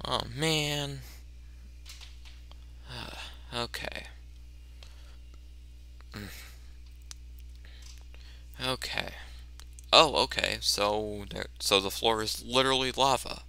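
A man's voice: medium pitch, extremely slow, vocal fry, long pauses, a little hiss or hum. A man giving casual, self-mocking commentary over a video game, stammering and restarting often. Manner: excited yelps during tense moments. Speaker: let's play commentator.

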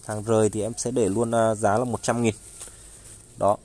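A man selling plants in a casual sales pitch, listing wares and prices in a halting way with frequent pauses. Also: level tone, darkish tone. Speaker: online plant seller. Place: outdoors, beside goods laid on a tarp. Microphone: handheld phone filming the goods.

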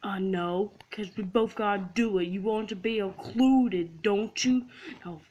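A woman hosting a casual gaming video, loud, profane and excitable. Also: medium pitch, unhurried, highs cut off. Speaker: gaming channel host.

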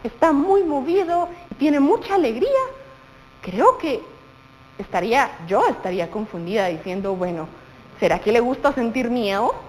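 A woman's voice: a little high, animated, moderate pace, a little mellow, in a large hall, a little hiss or hum, rough recording. A woman teaching a primary school class on television with a Guatemalan Spanish accent, speaking expressively and asking the viewer questions directly. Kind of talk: television lesson for children. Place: TV studio.

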